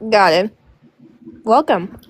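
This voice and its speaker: A woman's voice: medium pitch, lively intonation, slow, slight background noise. A woman hosting a live stream, chatting in a bubbly, playful way. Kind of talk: casual banter.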